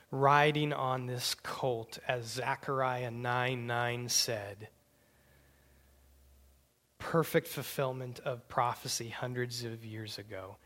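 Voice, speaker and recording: Slow, emphatic male preacher. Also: mid-range voice. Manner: slow, emphatic preaching with hushed whispered asides. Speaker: pastor. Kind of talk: sermon.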